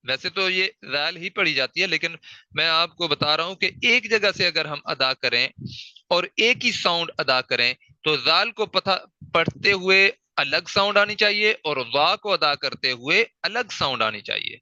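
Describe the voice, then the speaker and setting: A man gives a tajweed lesson in a very bright, crisp and resonant voice. He drills single letter sounds slowly and over and over, and he checks in with rhetorical questions. The recording is close and dry. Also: on the high side, expressive, no room sound, poor audio. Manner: demonstrates letter sounds slowly, repeating them. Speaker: Quran recitation teacher. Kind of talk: online tajweed class lecture.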